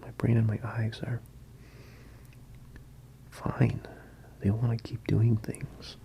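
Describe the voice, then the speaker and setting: A man playing a sick, worn-out boyfriend in a whispered role-play, mumbling and halting as he fakes being sick. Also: fairly low pitch, completely flat delivery, creaky, warm tone, a little hiss or hum. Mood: weary, mumbling. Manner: mumbling, halting, weary sick act with coughs. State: acted weak and sickly. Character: sick, tired, shivering boyfriend, faking being sick.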